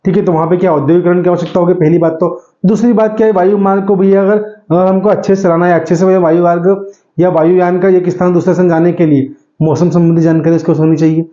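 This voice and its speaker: A man's voice: high-pitched, level tone, fast talker, warm tone, roomy sound, muffled recording. A man teaching an exam-prep lesson, calling his students 'beta', asking a question and answering it himself, and repeating the answers.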